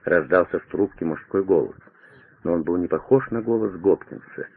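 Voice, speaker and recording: A man narrates a historical tale in a measured, dramatic storytelling manner. His voice sits low and husky. It comes through a thin, phone-like radio band. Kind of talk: audiobook narration. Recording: tinny radio broadcast.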